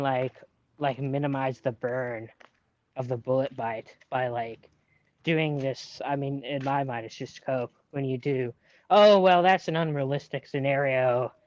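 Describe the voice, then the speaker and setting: A man's voice: mid-range voice, no echo. Man chatting in debate, dull dry audio. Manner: filler-heavy, repeats "like", exasperated and opinionated. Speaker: streamer. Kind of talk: casual debate chat.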